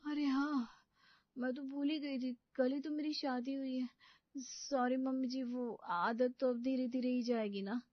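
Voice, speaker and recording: Woman voicing a sweet naive young bride, innocent and playful, bright high voice, dry recording. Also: steady tone, a little slow, no echo, dull audio.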